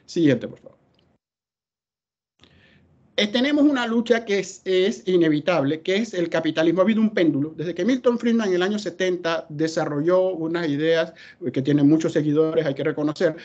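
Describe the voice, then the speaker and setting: High-voiced man giving a talk. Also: normal speed, darkish tone, lo-fi sound. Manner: emphatic, asks and answers his own questions. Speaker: webinar speaker. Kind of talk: presentation talk.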